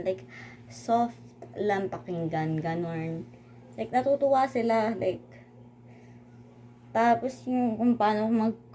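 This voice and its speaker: A woman's voice: medium pitch, mellow, a little hiss or hum. A teenage girl, a student, chatting casually and teasing herself, mixing in English and full of filler words. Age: teens. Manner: chatty, self-mocking, Taglish with many fillers. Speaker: student vlogger. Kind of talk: casual chat.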